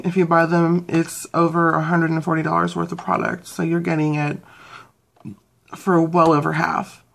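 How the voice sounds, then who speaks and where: A woman's voice: on the low side, gravelly. A young woman giving a casual beauty product review, rambling with fillers and self-corrections. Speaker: beauty vlogger.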